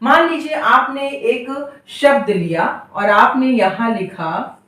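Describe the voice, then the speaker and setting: A woman teaching Hindi letters in an unhurried classroom manner. She asks questions and answers them herself, and she draws out example words. Her fairly high voice comes from a little way off the mic in a room with a lot of echo. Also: fairly bright tone. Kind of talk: slow classroom explanation. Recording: very echoey, voice from a distance.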